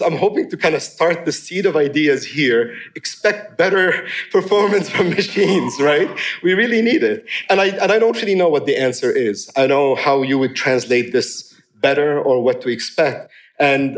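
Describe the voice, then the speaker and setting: Animated man giving a lecture. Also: on the high side. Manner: animated, full of "you know" fillers, wry humor. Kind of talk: academic conference talk. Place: lecture room before an audience.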